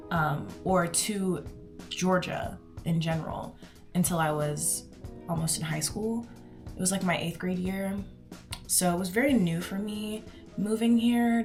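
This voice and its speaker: A woman's voice: on the low side, a little mellow. A woman in her twenties from Houston, chatting casually and rambling as she does her makeup for a beauty vlog. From Houston, Texas. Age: 20s. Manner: chatty, rambling, says "like" often. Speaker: beauty vlogger. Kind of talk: casual chat while doing makeup.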